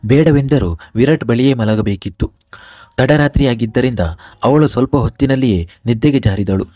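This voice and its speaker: A man giving a steady scripted narration of a romantic drama story. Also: mid-range voice, normal speed, no room sound, clean studio sound.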